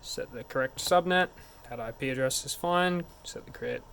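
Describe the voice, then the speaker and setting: A man with a fairly bright voice on the high side talks at a moderate pace, informally guiding viewers step by step through a hands-on technical tutorial as a tech support instructor. Background noise comes through clearly.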